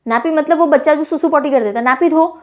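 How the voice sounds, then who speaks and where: A young woman teacher with a high, bright voice runs a lively mnemonic lesson. She mixes Hindi and English and acts out small playful scenes to make facts stick. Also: fast talker. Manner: playful, animated storytelling with mini scenes.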